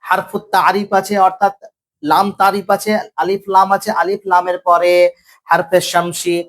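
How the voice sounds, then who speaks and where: High-voiced man teaching Arabic grammar. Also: flat delivery, fairly bright tone. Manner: slow, drawn-out pronunciation of examples; repeats points and tells students to listen. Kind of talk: classroom grammar lecture.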